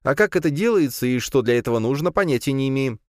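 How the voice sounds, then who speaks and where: Man putting on an eager high-voiced young student. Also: animated, quick pace, no echo, clean studio sound, natural voice. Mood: pleading. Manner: hopeful, insistent.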